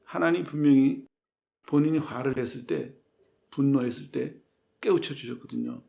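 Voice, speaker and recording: A male pastor delivers a sermon with a gravelly, creaky voice. He explains scripture in plain terms and keeps asking the congregation rhetorical questions. The recording sounds dull and lo-fi. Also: mid-range voice, normal speed.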